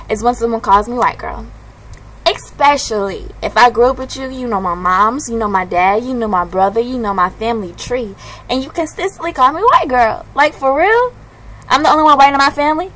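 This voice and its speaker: A woman in her twenties venting in a casual video blog, ranting in an animated, slangy way. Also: fairly high pitch, poor audio. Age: 20s. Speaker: vlogger. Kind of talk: casual chat.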